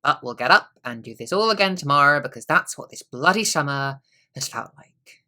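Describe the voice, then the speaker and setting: A young student actor playing a weary, brooding middle-aged husband in a stage monologue, wry and rueful, trailing into quiet asides. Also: male voice, on the high side, lively intonation, moderate pace. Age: young adult.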